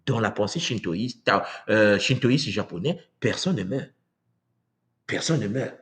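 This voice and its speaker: Speaking unhurriedly with a swinging pitch, a Congolese man hosts a live lecture on a spiritual tradition, addressing viewers through a livestream mic. He delivers it animatedly, posing rhetorical questions and performing quoted voices.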